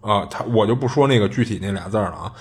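Low-voiced man telling a ghost story. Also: fast. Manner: chatty, colloquial, with many filler restarts. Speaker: podcast host.

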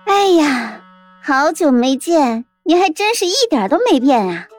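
A man's voice: extremely high pitch, big pitch swings, unhurried, faint music behind, voice pushed up, heavily acted. Sly sweet martial sister, as a man puts her on. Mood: sweetly menacing. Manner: sweet, teasing and coy with a threatening edge. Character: sly young woman, sweetly menacing junior martial sister. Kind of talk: audiobook character voice.

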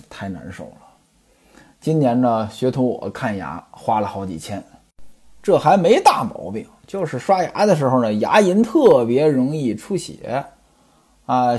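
A man's voice: medium pitch, darkish tone, breathy edge. A man explaining an old novel in a chatty storytelling lesson, asking and answering his own questions and drifting into personal stories. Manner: digresses into personal anecdotes.

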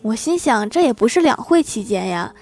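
Woman storyteller, slightly high voice, playful comedic delivery with wry asides. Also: sing-song, moderate pace, a little mellow. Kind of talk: reading out funny anecdotes.

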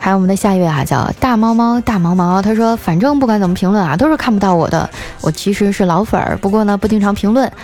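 A woman's voice: medium pitch, fast talker, few pauses, darkish tone. A woman podcast host reading listener messages aloud and answering them in a playful, teasing way. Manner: playful and teasing, often laughing. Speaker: radio-style podcast host. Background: faint background music.

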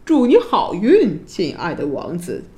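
A woman's voice: mid-range voice, very animated, slow pace, darkish tone. A woman storyteller voicing a greedy, sly old king in a storybook tale, with a sarcastic, mocking manner.

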